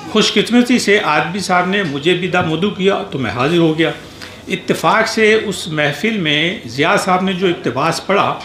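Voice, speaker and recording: A man reading a formal, prepared tribute speech at a memorial gathering, measured and careful, with a few small restarts. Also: fairly high pitch, fairly bright tone. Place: reception hall at an embassy. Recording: echoey hall with faint background noise.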